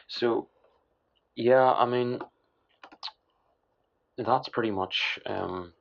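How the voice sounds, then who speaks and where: A music production tutorial host talks through software in a casual, unscripted voice-over on a screen recording. His mid-range voice is hoarse, breathy, and worn out like it's late at night, and he halts and mumbles along the way. The recording sounds dull and lo-fi.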